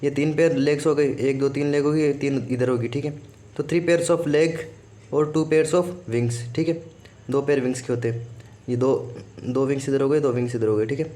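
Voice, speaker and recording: A man's voice: medium pitch, fairly even intonation, normal speed, dark tone. A man teaching a biology lesson for exam prep, who keeps repeating "okay" and asks himself questions before answering them.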